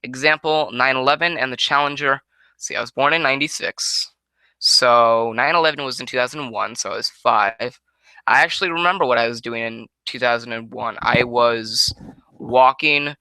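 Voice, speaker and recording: Creaky yet pushed and bright, his mid-range voice has a clean tone with no room sound, though the recording is rough. The speaker is a nineteen-year-old Connecticut man casually answering viewer questions on a headset mic in a small room at home, rambling with plenty of restarts and self-corrections.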